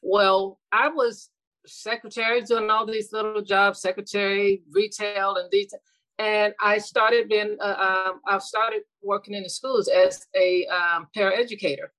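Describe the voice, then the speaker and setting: In this dry, rough recording, a retired school administrator in middle age chats through an interview with a steady tone at a slightly slow pace. Her voice sits in the mid range. She sounds earnest and thoughtful, restarting sentences frequently and letting out soft laughs.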